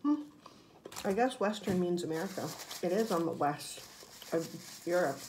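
A woman's voice: lowish voice, lively intonation, normal speed, darkish tone, slight background noise, low-quality recording. A woman in her thirties chatting casually about food, talking with her mouth full as she chews. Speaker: vlogger eating on camera. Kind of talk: casual chat, mukbang food tasting. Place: room indoors at a table.

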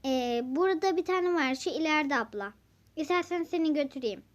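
A helpful young boy guide, coaxing and soothing as he leads a nervous visitor along, put on by a woman. The voice sits high and chirpy. The recording sounds dull and lo-fi. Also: expressive, fairly quick. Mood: reassuring. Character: helpful local boy guide, cheerful and reassuring.

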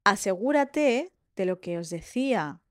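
A woman lecturer giving a recorded university lesson, explaining in a lively way and checking in with "¿vale?" and "¿sí?" as she goes. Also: medium pitch, a little slow, no room sound, clean studio sound.

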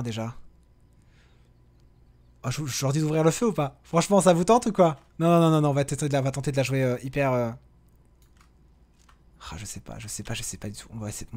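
A man giving casual let's-play commentary as a gaming video host, chatty and often correcting himself as he talks to viewers and his in-game companions. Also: mid-range voice. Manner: drops to a hushed voice while sneaking.

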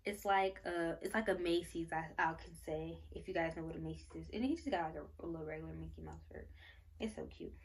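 A woman's voice: deep voice, fast talker, gravelly. Young woman, pregnant, casual vlog, gushing, rambling, lots of fillers, camera mic. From Michigan, United States. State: pregnant, briefly out of breath. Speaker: vlogger. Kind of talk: casual baby haul show-and-tell.

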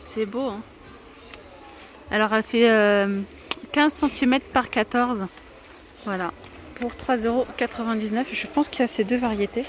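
A woman's voice: a little high, unhurried, long pauses, slight background noise. Chatty woman showing off store finds. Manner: chatty and enthusiastic, with many hesitations. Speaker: shopping vlogger. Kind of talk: casual store walkthrough. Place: inside a large discount store.

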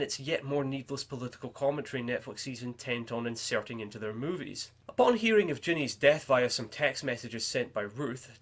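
A man's voice: mid-range voice, fairly bright tone. A man reading a scripted film review in a sardonic, wry manner.

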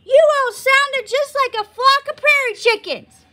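A woman's voice: high voice, very animated, normal speed. A woman reading aloud and voicing an outspoken young pioneer girl in an eager, raised childlike voice.

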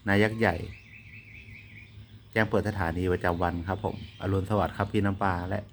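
A man talking politely and in a measured way in casual radio chat over a walkie-talkie. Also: sits low, flat delivery, vocal fry, a little hiss or hum. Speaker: amateur radio operator.

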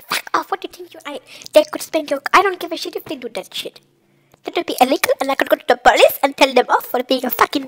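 A woman's voice: high voice, fairly bright tone, a little hiss or hum, poor audio. A young woman giving crude, comedic commentary over a game, swearing constantly in a bratty manner. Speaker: gamer.

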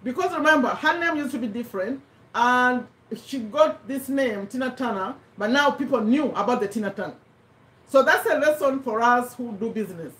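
A middle-aged woman from Uganda, English not her first language, giving an animated motivational talk and repeating her points for emphasis. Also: on the high side, moderate pace, distant mic. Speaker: host of a live business talk. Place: home room with a bookshelf, indoors. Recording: echoey room, voice a little off-mic.

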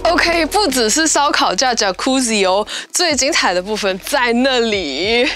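With faint music playing behind her, a young woman walks viewers through a rental house and the cabins out in its wooded backyard for a casual vlog, mixing in English words. She sounds a little high and fairly bright, with lively intonation and an unhurried, upbeat, chatty delivery.

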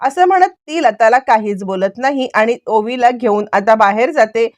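A woman retelling a TV serial episode as a brisk story recap, with many repeated fillers. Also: a little high, dry recording.

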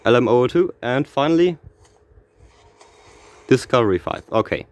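A man giving casual, excitable commentary on opening car packs in a racing game, reading out car names and laughing often, a little out of breath. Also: mid-range voice, normal speed, no echo. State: slightly out of breath. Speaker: gaming YouTuber.

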